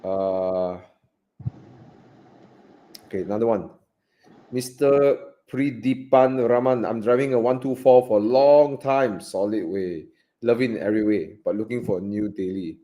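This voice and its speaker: A man with a Malaysian English accent co-hosting a live car Q&A in relaxed, chatty talk that trails off softly. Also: on the low side, moderate pace. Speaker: co-host of a car buying Q&A. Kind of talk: live stream casual chat.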